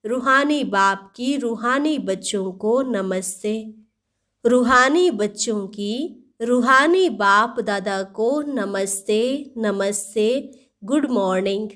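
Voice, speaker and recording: A woman reading a daily spiritual teaching aloud in a measured devotional recitation, repeating key phrases. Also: medium pitch, a bit bright.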